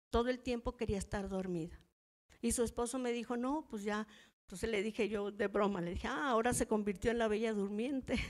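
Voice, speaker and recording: A middle-aged woman with a Mexican Spanish accent, teaching in church and telling personal stories in a conversational way, often asking the audience to agree. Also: medium pitch. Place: church hall.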